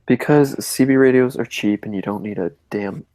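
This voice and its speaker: Low-voiced blunt man, dry mic. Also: moderate pace, dark tone, no echo. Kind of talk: casual group voice chat.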